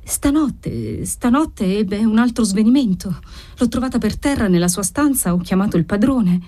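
A woman's voice: medium pitch, lively intonation, a little fast, warm tone, slightly rough, voice pushed up. A woman reading an audiobook, voicing a worried old servant woman who speaks anxiously and pleadingly.

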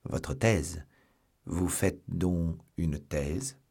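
A man's voice: low-pitched, fairly even intonation, drawn-out words, vocal fry, a little mellow, husky, pitched below the performer's own voice, full character voice. A man voicing a bold, impatient young male swordsman who speaks eagerly and ironically. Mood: eager, surprised.

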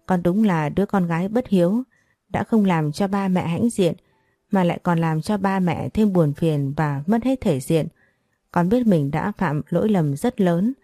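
A woman's voice: fairly low pitch, warm tone, dry recording. A woman reading the lines of a remorseful young daughter in a storybook narration, humble and apologetic.

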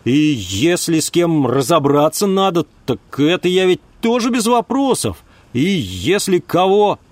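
A man's voice: fairly high pitch, sing-song, measured pace, dry recording, pitched above the performer's own voice. A man voicing a talkative young country lad who rambles in folksy speech with filler sounds. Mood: eager.

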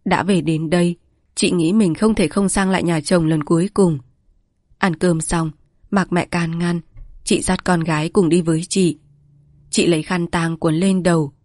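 A woman narrates a rural story in a calm, measured storytelling voice. Her voice sits low, and the recording is dry and close, with no room sound. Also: no room sound. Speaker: audiobook narrator.

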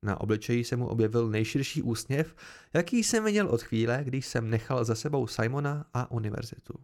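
A man's voice: medium pitch, animated, darkish tone. A man narrating an amateur audiobook in the first person.

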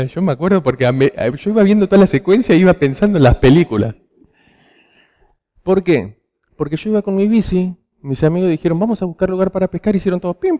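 This Argentine man preaches to a teenage audience, his mid-range voice dark in tone and his accent Rioplatense Spanish. As a youth preacher, he relies on storytelling and often tosses in a rhetorical "¿sí?".

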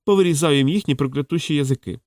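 A man's voice: on the high side, rapid-fire, a little mellow, no room sound, clean studio sound, voice pushed up, close to an everyday voice. An audiobook reader voicing a young male thief who talks in a raised, wry and indignant way.

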